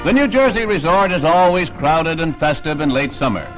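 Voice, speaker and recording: A man's voice: a little high, lively intonation, moderate pace, poor audio. A man delivering formal 1960s newsreel narration as the narrator, voiced over the footage. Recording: old newsreel voice-over with loud music behind. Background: music.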